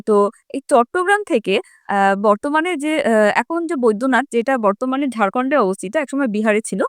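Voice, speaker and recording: A woman's voice: high voice, fairly bright tone, no room sound, clean studio sound. A woman teacher explaining a set essay to school students. She reads quoted lines aloud and then explains them plainly, with frequent fillers.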